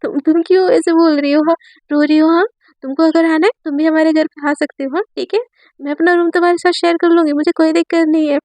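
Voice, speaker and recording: A woman's voice: very high voice, steady tone, fast talker, darkish tone, dry recording. A woman voicing a teasing, playful young woman. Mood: soothing. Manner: teasing, mock-bossy. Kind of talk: storytelling role voice.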